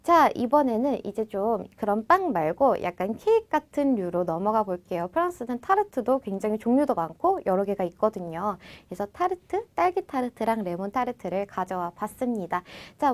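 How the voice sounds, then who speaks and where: Lively woman teaching French phrases. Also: fairly high pitch. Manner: slows down to model phrases, then explains in Korean. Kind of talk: language lesson.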